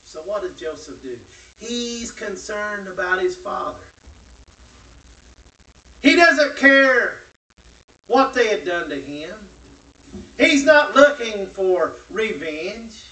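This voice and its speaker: Male Bible teacher with a very high, slow, deliberate read and pointed questions, recorded from afar in an echoey room. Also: big pitch swings, sharp tone. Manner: slow emphatic delivery with rhetorical questions. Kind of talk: Bible lesson reading scripture with commentary. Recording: roomy echo from a distant mic.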